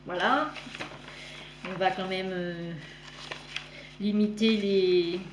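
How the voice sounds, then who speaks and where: A cross-stitch vlogger chats casually through a show-and-tell, wandering off topic and correcting herself mid-sentence while warmly calling her viewers "girls." Her mid-range voice is fairly even and extremely slow. The recording has a roomy echo and a little hiss or hum.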